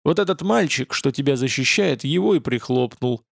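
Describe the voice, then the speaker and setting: Sarcastic male fallen angel, voiced by the narrator, slow offhand jabs, fake-casual menace; dry, close read. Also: mid-range voice, lively intonation, gravelly, no echo. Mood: mocking. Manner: mocking, deliberately casual. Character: sardonic male fallen angel, cruel and mocking.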